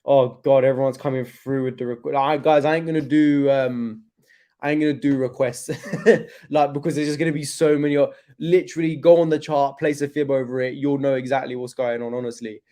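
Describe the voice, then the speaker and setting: A young man hosting a crypto livestream, chatting casually, loose with slang, slowed by pain from his hip. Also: medium pitch, flat delivery, mellow. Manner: chatty, laid-back, loose with slang and fillers.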